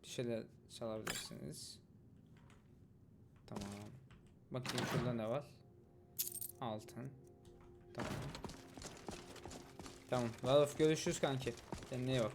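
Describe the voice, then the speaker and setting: A young man chatting through a fantasy game, relaxed one moment and shouting at enemies the next. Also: mid-range voice, a little slow, vocal fry, pauses often, music in the background. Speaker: gameplay streamer. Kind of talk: casual gameplay commentary.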